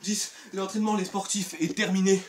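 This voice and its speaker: A young man counts reps and encourages viewers between breaths as he does a bedroom leg workout for his fitness channel. High-pitched and a little fast, he is picked up by a camera mic across the room, so he sounds far away and echoey with slight background noise.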